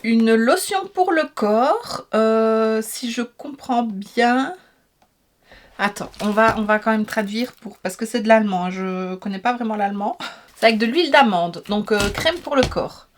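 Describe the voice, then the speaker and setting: A woman's voice: on the high side, lively intonation, unhurried, slight background noise. A young woman, chatting casually and enthusiastically as she unboxes beauty products, with many fillers. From Belgium. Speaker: beauty vlogger.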